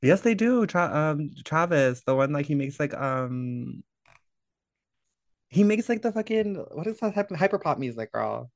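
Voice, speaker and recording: A man's voice: fairly high pitch, expressive, normal speed, gravelly. A man co-hosting a podcast, chatting playfully about celebrities and calling his co-host "girl" and "sister.". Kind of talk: casual gossip chat.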